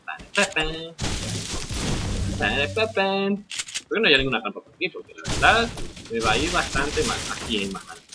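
A man with a Venezuelan accent giving excitable live game commentary, yelping, swearing and talking to himself. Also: fairly high pitch, normal speed, long pauses, noisy background. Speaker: gamer.

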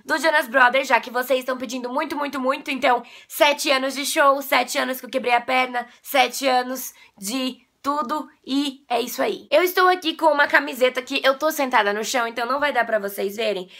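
A woman's voice: high-pitched, a little fast, few pauses. A Brazilian woman in her twenties chatting casually to camera like a gushing fan, her voice slightly nasal from a coming cold. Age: 20s. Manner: gushing, animated fan talk. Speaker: video blogger. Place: small bedroom, indoors.

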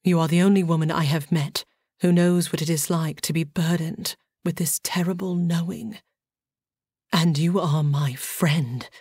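A woman voicing a reserved, formal male nobleman who speaks quietly and with earnest, halting sincerity. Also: lowish voice, fairly even intonation, husky, dry recording.

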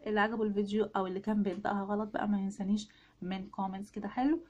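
A woman's voice: mid-range voice, steady tone, racing, darkish tone, dull audio. A woman with an Egyptian Arabic accent giving a casual video lesson on English pronunciation, chatty and drilling words with her viewers.

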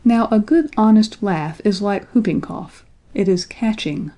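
A woman narrating a children's storybook in a gentle, even storytelling way. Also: mid-range voice, a little slow. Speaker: audiobook narrator.

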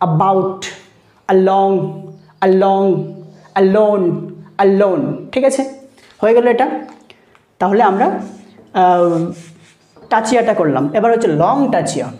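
A woman's voice: medium pitch, mellow. A woman teaching a phonetics lesson, patiently repeating example words and checking that students follow. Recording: echoey room.

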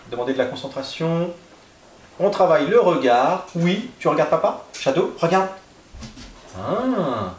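A man with a slightly higher voice, working as a dog trainer, speaks in a calm, steady way. He gives firm short commands while explaining the exercise indoors at home. The room is echoey.

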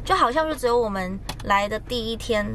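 A woman's voice: fairly high pitch, expressive, brisk, a little hiss or hum, poor audio. A young woman with a Taiwanese Mandarin accent chatting casually to camera in a travel vlog. She rambles with fillers, filming at arm's length in a car and on city streets. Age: young adult. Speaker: vlogger. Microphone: handheld camera at arm's length. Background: loud background music.

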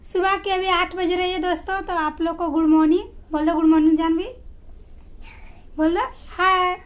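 Holding her phone at arm's length, a young woman walks through her rural home and yard for a home vlog, chatting easily and frequently talking to viewers. She speaks at a normal speed in a very high, steady voice.

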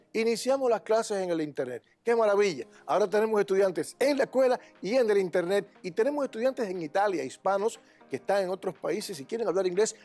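Un hombre, director de una escuela de inglés, responde una entrevista de forma enfática y tajante, demostrando entonaciones en inglés. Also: male voice, sits high, mellow. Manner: emphatic, opinionated, demonstrates English intonation. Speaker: English teacher and school director. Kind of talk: interview answers.

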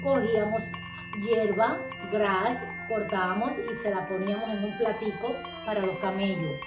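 A Cuban vlogger in her sixties tells personal stories to the camera in a chatty, reminiscing tone with a Cuban Spanish accent, speaking at medium pitch and normal speed and tossing rhetorical questions at viewers. The camera sits across her living room, which sounds echoey, and loud music plays behind her.

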